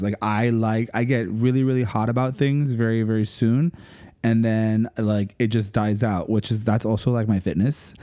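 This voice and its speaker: A man's voice: medium pitch, darkish tone, no echo. A man with a Miami accent co-hosting a casual podcast, reflective and colloquial, peppering his talk with 'like'. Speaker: podcast co-host.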